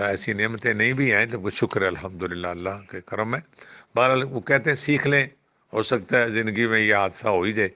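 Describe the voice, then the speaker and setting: A man with a Pakistani Urdu accent teaching Quran recitation. He spells letters slowly, draws out recited words, and drifts into chatty everyday examples. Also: fairly low pitch, sharp tone, dull audio. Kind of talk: Quran tajweed lesson with a spoken talk.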